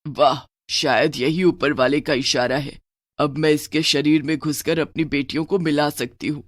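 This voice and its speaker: A woman's voice: sits low, steady tone, normal speed, dry recording, voice pushed down. Cartoon witch-mom spirit, fretful and scolding, dry close sound, woman doing it. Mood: scornful. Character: worried dead mother turned female witch.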